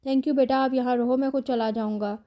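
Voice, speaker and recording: A woman voicing a calm, kindly older family doctor, in a novel read aloud. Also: high voice, muffled recording, natural voice. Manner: reassuring.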